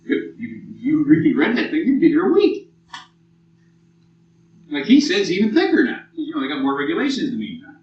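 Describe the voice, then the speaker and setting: Profane, animated older American man lecturing. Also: a little high, quick pace, hardly any pauses. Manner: blunt, profane, animated storytelling. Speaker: military lecturer. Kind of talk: informal lecture with war stories. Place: lecture hall. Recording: muffled old tape from far off in an echoey room.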